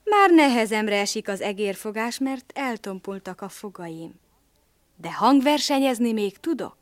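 A woman's voice: fairly high pitch, lively intonation, no echo, natural voice. A woman voicing a worn but wise old female cat in a storybook reading, persuasive and knowing. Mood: pleading.

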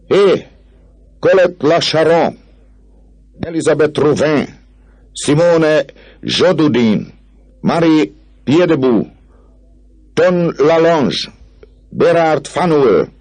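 A man voicing a loud, rowdy male vagabond king in an audiobook, calling out and mocking like an auctioneer, with a husky, gravelly voice. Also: mid-range voice, very animated, pitched above the performer's own voice. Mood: shouting. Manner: shouting, mocking, theatrical. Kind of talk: audiobook reading.

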